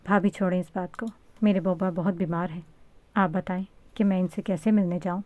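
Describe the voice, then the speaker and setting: A woman voicing a gentle, grieving middle-aged mother in a storybook reading, soft and pleading. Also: on the low side, steady tone, narrow, tinny audio, natural voice. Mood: weary.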